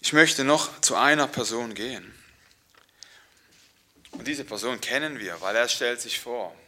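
A man preaching a sermon, dramatic, moving from whispers to loud exclamations. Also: mid-range voice, measured pace, slight background noise.

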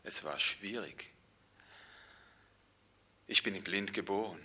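A man's voice: deep voice, takes it slowly, husky, voice pushed down, full character voice. A man telling as an old blind beggar. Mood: earnest. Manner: earnest, crying out loud then whispering.

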